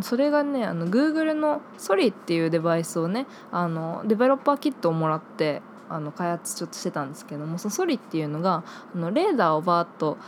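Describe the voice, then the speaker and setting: A woman's voice: mid-range voice, a little hiss or hum. A woman in her twenties hosting a solo podcast, chatting casually and reading listener mail, with many filler words. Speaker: podcast host.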